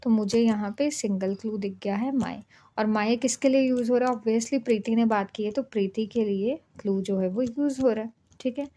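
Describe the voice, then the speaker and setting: A woman's voice: fairly high pitch, moderate pace, mellow. A woman teaching an exam-prep reasoning lesson, explaining step by step and often checking in with "okay". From India. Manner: patient, repeats "ठीक है" to check understanding.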